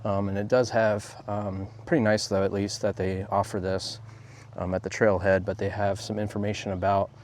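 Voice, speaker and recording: A man narrating a casual walk-and-talk nature vlog outdoors, relaxed and rambling with many ums. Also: on the low side, moderate pace, slight background noise. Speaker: nature photographer vlogger.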